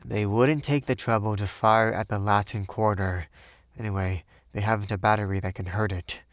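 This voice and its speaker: A young man makes light of danger in a breezy, easy tone, voiced by a male reader close to his own voice. His voice sits a little low, and the sound is dry and close. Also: normal speed, no room sound, lightly acted. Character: young man, cheerful and falsely unconcerned.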